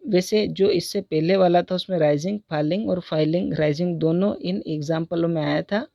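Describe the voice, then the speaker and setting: Giving a recorded Hindi lesson about English intonation, a man reads out the English examples slowly and with care in an Indian English accent. His high-pitched voice is gravelly yet mellow, recorded lo-fi with no echo.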